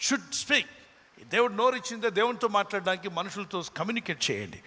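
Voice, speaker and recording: High bright-voiced male preacher. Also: lively intonation, brisk. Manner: earnest preaching with homely examples, rising into fervent prayer. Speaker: pastor. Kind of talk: sermon and prayer. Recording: long hall reverb with faint music.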